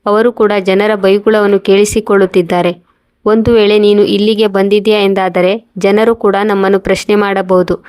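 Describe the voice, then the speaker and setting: A woman's voice: medium pitch, little pitch movement, moderate pace, a little mellow, no room sound, studio quality, natural voice. A woman reading the lines of a cold, scornful young sister-in-law in a storybook tale, curt and accusing.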